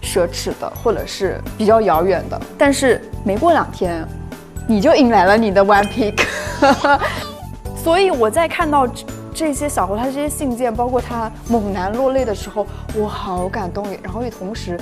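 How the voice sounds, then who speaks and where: A woman chatting on a watch-along panel, emotional and animated, often restarting her sentences. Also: fairly high pitch, normal speed, soft background music. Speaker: reality show cast member on a watch-along panel. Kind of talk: casual chat.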